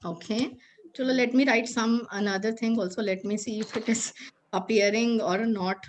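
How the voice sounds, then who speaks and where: A woman's voice: fairly high pitch, fairly even intonation, moderate pace, a little hiss or hum. A woman with an Indian accent presenting a teacher-training session over a video call, explaining patiently step by step and checking in often. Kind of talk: online teaching demo.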